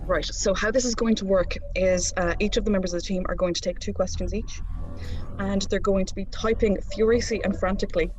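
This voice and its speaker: A woman with a flat west of Ireland accent from East Galway, chattily hosting a live online quiz as a broadcaster. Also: medium pitch, a little fast, poor audio. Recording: music playing behind. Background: background quiz music.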